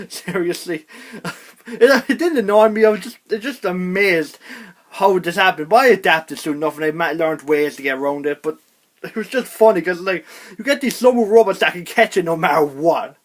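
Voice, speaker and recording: A young man with a high-pitched voice gives a casual spoken review of a video game, rambling and animated, and frequently restarting his sentences.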